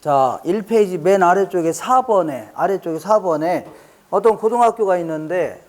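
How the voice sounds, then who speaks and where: With a notably high, expressive voice at a moderate pace, a man lectures a classroom of exam students. He repeats each key phrase twice, keeps checking the class is with him, and now and then trades light jokes with them.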